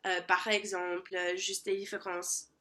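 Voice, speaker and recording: A woman's voice: mid-range voice, flat delivery, measured pace, sharp tone. A young American woman, a native English speaker, vlogging casually in a language she is learning, hesitant, with many fillers and self-corrections. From United States. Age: young adult. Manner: laughs at her own slips.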